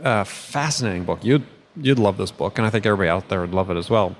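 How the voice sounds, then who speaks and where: Low-voiced man hosting, losing his voice. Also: expressive, quick pace, slight background noise. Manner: rambling, self-interrupting, chuckles often. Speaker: podcast host. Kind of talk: casual conversational chat.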